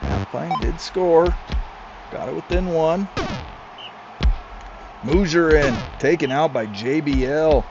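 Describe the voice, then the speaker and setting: A man calls the action in a casual, excitable play-by-play style, breaking off for chatty asides to his co-hosts. He takes his time with each phrase. The recording is a little muffled, with music playing clearly underneath. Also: a little high, slow, pauses often. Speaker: league commentator.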